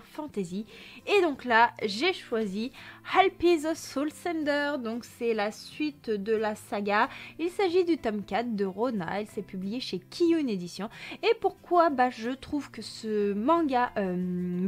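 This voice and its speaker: A young woman presents her reading list in a chatty, enthusiastic vlog, with frequent fillers. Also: a little high. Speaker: book vlogger. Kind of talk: casual book haul presentation.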